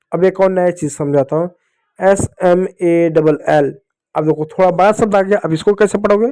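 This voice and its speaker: A man's voice: high-pitched, warm tone, clean tone. A man teaching young children to read, patient, asking them questions and repeating each point. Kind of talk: children's phonics lesson.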